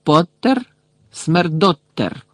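A man voicing a spoiled, mocking teenage boy bully in an audiobook, taunting loudly. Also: fairly high pitch, big pitch swings, a little slow, no room sound. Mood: sneering. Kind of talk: audiobook character voice.

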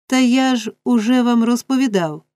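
A woman's voice: a little high, normal speed, dark tone, no room sound, voice pushed up, lightly acted. A woman voicing a sleepy, sly young male informer in an audiobook reading, drawling and smug.

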